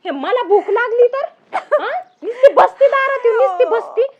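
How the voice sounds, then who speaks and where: A woman's voice: lively intonation, normal speed, highs cut off. An actress playing a cruel, greedy young daughter-in-law who nags and insults her mother-in-law. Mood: scolding. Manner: shrill, nagging, insulting. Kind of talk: village family drama acting.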